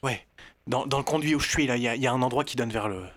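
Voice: medium pitch, very fast. Someone playing José, a man calling through a vent. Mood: hurried. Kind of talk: improvised comedy radio serial.

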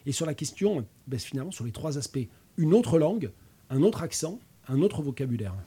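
Hesitant man in his fifties, mellow voice. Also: on the high side, expressive, brisk, breathy edge. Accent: French regional accent. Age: 50s. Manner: hesitant, many fillers and restarts. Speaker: host. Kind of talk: casual chat.

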